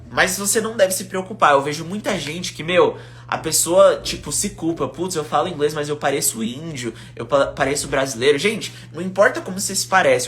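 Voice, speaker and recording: A young Brazilian man, an English teacher, chatting casually on a live stream, reading out viewer comments in a relaxed, slangy way. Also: a little high, a little hiss or hum. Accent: Brazilian Portuguese. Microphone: phone.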